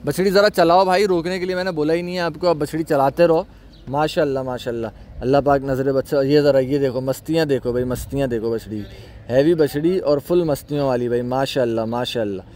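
कराची के उर्दू लहजे वाला एक आदमी, बाहर के फार्म पर जानवर दिखाते हुए कैमरे के पीछे से कमेंट्री करता है, बार-बार माशाल्लाह कहता है और संभालने वालों को बछड़ा चलाने के निर्देश देता है।. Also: male voice, medium pitch, brisk, a little mellow. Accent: Karachi Urdu. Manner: keeps saying mashallah, calls out orders to handlers. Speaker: cattle market vlogger. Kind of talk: off-camera commentary showing livestock. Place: outdoor cattle farm yard.

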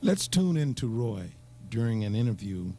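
A man reading scripted documentary narration at a steady pace. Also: mid-range voice, moderate pace, heavy background noise.

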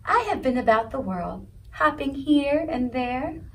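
Woman voicing a storybook frog, male, boastful, mysterious, slow, distant mic. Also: sits high, lively intonation. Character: proud boastful male frog, young friend.

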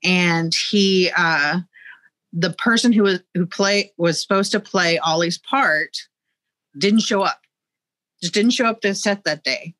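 A middle-aged woman talks over a video call from inside a museum. Her voice is bright and sharp, and she comes across as knowledgeable but pauses with frequent ums. The sound is dry, with very little room. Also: on the low side, dry recording. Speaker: museum guide. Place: museum exhibit room, indoors. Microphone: video call, webcam.

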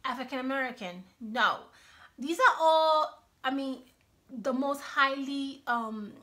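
A woman's voice: high voice, slow. A woman in her thirties, born and raised in Cuba, chatting casually in a vlog, filmed on an iPhone in her home kitchen. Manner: chatty, animated, talks with her hands. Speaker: YouTube vlogger. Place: home kitchen, indoors, small room. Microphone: iPhone on a selfie stand.

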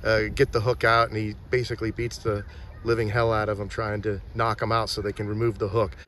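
A man's voice: on the low side, little pitch movement, brisk. A man filming with a handheld phone outdoors, casually narrating a tour of filming locations and pointing out details. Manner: chatty, pointing things out, restarts often. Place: outdoors and at shop windows in a small town.

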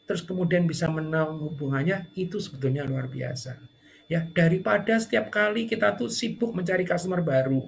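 Man, gravelly, slightly high-pitched, seminar talk, acts out customers and staff. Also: fairly bright tone, slight background noise. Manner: conversational, repeats key points. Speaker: speaker on service culture.

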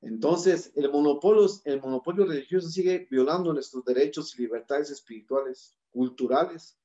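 At a community forum, a man with a Mexican Spanish accent gives an impassioned, rhetorical public talk, building his points through rhythmic, repeated lists. His mid-range voice has a warm tone, though the highs are cut off.

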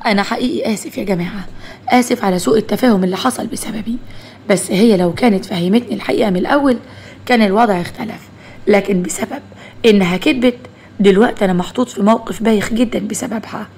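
Woman doing a formal young man, Egyptian accent, rapid, husky, storybook. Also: mid-range voice, darkish tone. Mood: earnest. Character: young male army officer, stiff and formal.

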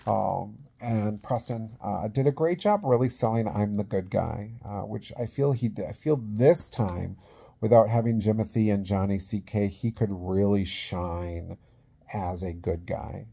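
A man in his forties speaking as a casual awards presenter, halting and conversational, into a phone held at arm's length in a small room. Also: fairly low pitch, vocal fry, warm tone, slightly rough. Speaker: vlog host presenting awards. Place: small indoor room with plain wall.

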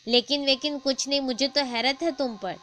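Woman voicing harried storybook mother of two, emphatic and pitched high, with a faint hum behind her. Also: a bit bright, natural voice. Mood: angry. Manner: emphatic, raised dialogue voice. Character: harried adult mother of two young daughters. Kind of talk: storybook dialogue.

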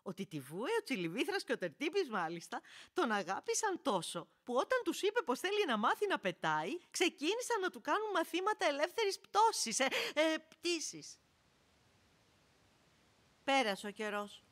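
A woman narrates a children's radio play with a storyteller's expressive delivery. Her pitch sits slightly high and rises and falls freely.

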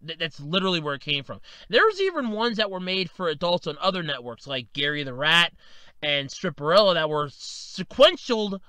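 Animated ranting man in his thirties. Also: a little high, moderate pace, smooth, no room sound. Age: 30s. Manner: animated, swings from loud outbursts to mutters. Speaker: video commentator. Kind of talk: casual opinion monologue.

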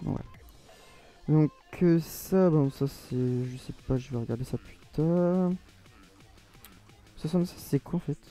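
This French man, speaking with a French accent, gives a casual, rambling screen-recorded modding tutorial, frequently correcting himself and laughing at his own slips. His mellow voice is fairly high, his pace measured with long pauses, and soft music plays in the background.

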